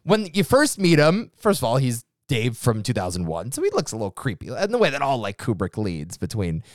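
A man co-hosting a casual film podcast, animated, joking and swearing. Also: mid-range voice, brisk, no room sound, studio quality. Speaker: podcast co-host.

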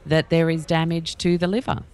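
A man's voice: a little high, little pitch movement, brisk, darkish tone, clear, resonant tone. A man being interviewed as a guest about wellness courses, talking in a chatty, rambling way with many fillers. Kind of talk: casual podcast interview.

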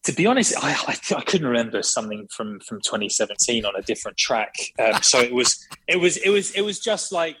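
A man's voice: mid-range voice, very animated, brisk, few pauses, pushed and bright, slightly rough, low-quality recording. A man, a racing driver, talking enthusiastically in a remote interview, smiling as he speaks. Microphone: remote call, audio only.

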